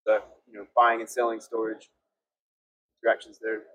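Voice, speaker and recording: A man's voice: fairly low pitch, completely flat delivery, normal speed, bright, forceful tone, slightly rough, low-quality recording. A man, a developer guest, telling his background in a casual, rambling way with wry asides. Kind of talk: podcast interview.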